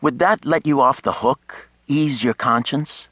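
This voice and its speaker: A man's voice: mid-range voice, a little slow, a bit bright, no room sound, voice pushed up. A man voicing a hurt, guarded woman in an audiobook, cool and pointed. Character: hurt, guarded adult woman, sharp-tongued. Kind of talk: audiobook character voice.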